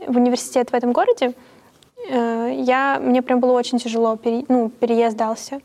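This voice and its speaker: A woman's voice: on the high side, flat delivery, a little fast, darkish tone. A young woman, a university student, speaking thoughtfully in a panel discussion. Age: young adult. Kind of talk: casual discussion.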